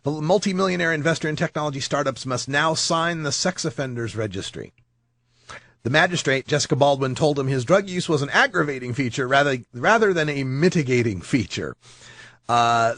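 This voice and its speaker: A man's voice: fairly high pitch, animated, normal speed, bright, forceful tone, no echo, clean studio sound. A man hosting a podcast, rambling and joking through news stories with frequent laughs. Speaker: podcast host. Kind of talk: casual news commentary.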